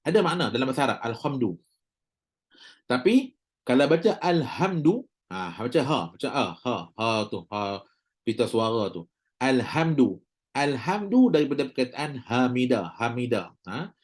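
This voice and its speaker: A man's voice: mid-range voice, sing-song, normal speed. A man with a Malaysian Malay accent teaching a recorded recitation class, chatty and joking, drawing out sounds to model them. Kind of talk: casual recorded class lecture.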